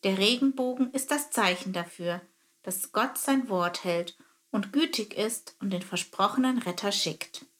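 A woman reads a children's story aloud in a calm, even storytelling manner. Her voice sits at an ordinary middle pitch for a woman. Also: a little slow, a little hiss or hum. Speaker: narrator. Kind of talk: scripted narration of a children's story.

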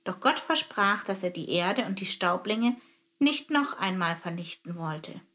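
A woman reads a children's story aloud in a calm, even storytelling manner. Her voice sits at an ordinary middle pitch for a woman. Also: a little slow. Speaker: narrator. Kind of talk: scripted narration of a children's story.

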